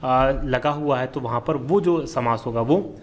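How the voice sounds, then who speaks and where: A man with a mid-range voice, speaking a little slowly, teaches a grammar lesson for exam prep, explaining quiz answers. He patiently repeats key terms and asks and answers his own questions.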